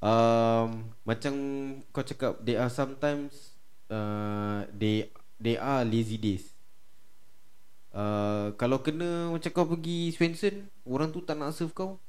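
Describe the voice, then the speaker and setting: A man's voice: mid-range voice, steady tone, unhurried, darkish tone, clean tone. A man with a Singaporean accent chats casually and gives opinions, mixing Malay slang with colloquial English full of lah particles. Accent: Singaporean Malay-English (Singlish).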